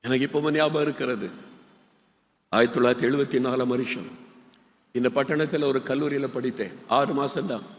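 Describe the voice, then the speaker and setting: An older man, preaching a sermon that swings from hushed storytelling to high shouted appeals. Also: a little fast, long pauses. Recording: echoey hall.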